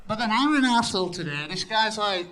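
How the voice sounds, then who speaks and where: At a community event, a young Yorkshireman talks about his design work in a fast, high-pitched, expressive voice, pushed and bright. The casual presentation is sweary and self-deprecating, with slight background noise.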